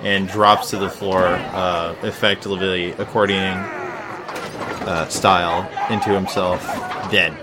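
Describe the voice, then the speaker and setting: A man narrating as game master of a tabletop game, matter-of-fact and calm as he gives the rules. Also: sits low, measured pace. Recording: loud crowd chatter and noise behind.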